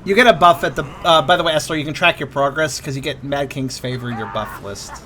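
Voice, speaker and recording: A man's voice: fairly high pitch, fast talker, pushed and bright, a little hiss or hum. A man chatting casually and informally, with some swearing, while playing an online game with friends. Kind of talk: casual chat while gaming.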